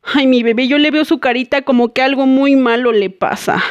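A woman's voice: sits high, normal speed, highs cut off, lightly acted. An actress playing a doting, worried mother with a Mexican accent, fussing anxiously over her son. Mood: fretful.

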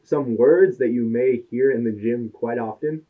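On a podcast he co-hosts, a native English-speaking man chats casually at a measured pace in a mid-range voice. He's chatty, telling anecdotes and quoting other people in his stories. The audio sounds tinny, like a phone.

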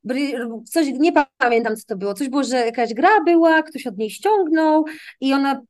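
A high-voiced woman, a children's English teacher appearing as a guest, tells lively classroom stories at normal speed in a casual interview. She's animated, acts out the exchanges she quotes, and uses tag questions a lot.

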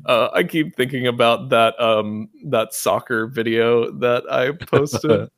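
A man's voice: medium pitch, slow pace, no room sound, clean studio sound. A man co-hosting a casual gaming podcast, rambling with lots of filler words and leading the talk with questions. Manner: rambling, heavy use of "like" and "uh"; leads the discussion with questions. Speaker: podcast co-host. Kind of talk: casual chat.

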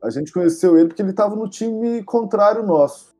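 A young man with a Brazilian Portuguese accent and a husky voice, chatting casually in slang. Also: high-pitched, brisk, warm tone, faint music behind. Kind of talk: casual chat.

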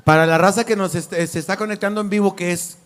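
Mexican guy hosting a bar podcast, high voice, loud and jokey, lots of slang. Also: fairly even intonation, fast. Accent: Mexican Spanish. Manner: loud, joking, heavy slang. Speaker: podcast host. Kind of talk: casual bar chat.

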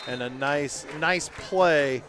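A man calling high school football play-by-play on local radio, building to shouts on big plays and reading sponsor spots. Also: takes it slowly, over music. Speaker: play-by-play announcer.

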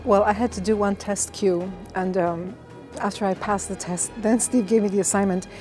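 With soft music in the background, a game composer from Bulgaria speaks at a moderate pace and medium pitch. She tells her story passionately during a casual interview, a lively narrator who leans on fillers.

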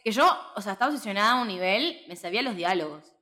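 With a medium-pitched voice racing along, this podcast co-host, a woman in her twenties with a Rioplatense Spanish accent, shares stories about film in loose, slangy talk, laughing and narrating with animation.

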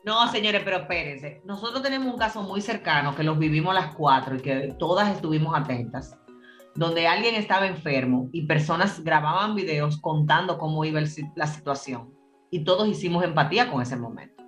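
A woman's voice: deep voice, expressive, brisk, fairly bright tone, faint music behind. Female panel host, reflective and earnest, roomy echoey sound. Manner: earnest, reflective, addresses the group as señores. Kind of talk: casual panel chat.

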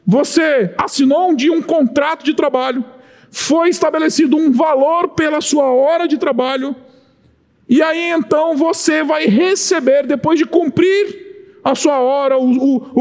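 A Brazilian man preaching with a very high voice that carries a long reverb. He is impassioned and builds to shouting on his strongest points. The sound is of a big church hall. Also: moderate pace. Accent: Brazilian Portuguese. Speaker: pastor. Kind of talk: sermon.

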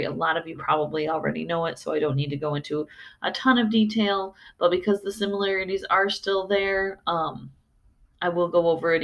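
A woman hosts a storytelling podcast from a room at home. Her voice sits slightly low and the sound is dry, with little room echo. She moves between narration and informal, rambling commentary. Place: room in a house.

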